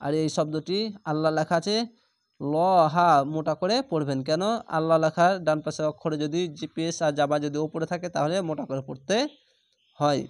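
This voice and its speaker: A man with a slightly high voice gives a recitation lesson, spelling out each syllable and restating the rules in a patient, explaining way. He stretches each word out slowly when he recites it whole. The recording is dry and close, with no room sound. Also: steady tone, no room sound. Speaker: Quran reading teacher.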